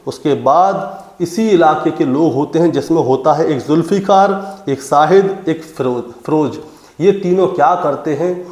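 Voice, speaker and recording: In a roomy, echoing space, a man with a fairly high, darkish voice tells a true crime story, calling his audience friends and building the drama as he walks through it step by step.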